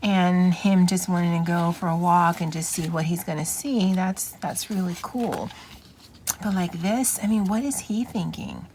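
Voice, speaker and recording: A craft channel host, a woman with a fairly low voice, chats casually at a moderate pace while flipping through a craft item, musing informally and dropping wry asides. The recording has clear, steady background noise.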